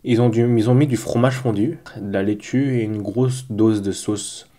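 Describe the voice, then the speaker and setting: On the low side and mellow, a man's blocked-nose voice moves at normal speed as he nurses a cold. As host of a home mukbang food review vlog, he chats casually to camera with some hesitation.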